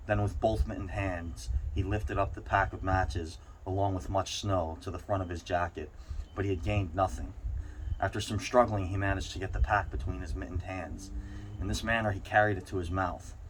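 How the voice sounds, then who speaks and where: A man's voice: low voice, poor audio. A man reading a short story aloud, now and then stumbling over a word and going back over it. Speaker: reader. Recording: clear background noise.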